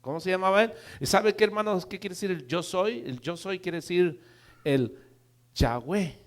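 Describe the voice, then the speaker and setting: High-voiced preacher swinging loud and soft. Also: male voice, normal speed. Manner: addresses the congregation as brothers, asks them questions; swings from soft to loud, stretches words for emphasis. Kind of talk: sermon. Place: church.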